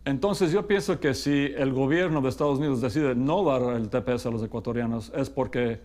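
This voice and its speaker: A middle-aged man from Ecuador, an immigration lawyer, explaining a legal topic in a measured way, slowing to stress key terms and dropping English legal phrases into his Spanish. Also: medium pitch, darkish tone. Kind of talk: explainer talk to camera.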